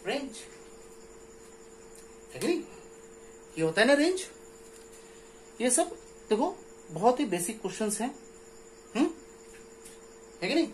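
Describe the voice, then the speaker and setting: A man teaching a maths lecture, walking through each step and often checking understanding with rhetorical questions. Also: high-pitched. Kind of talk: recorded classroom lecture. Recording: echoey room with faint ambient noise.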